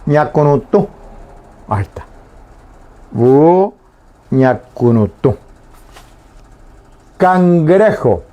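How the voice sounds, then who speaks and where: A man teaching a language lesson on the radio, saying each word slowly and repeating it twice with pauses. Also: fairly high pitch, mellow. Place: radio studio.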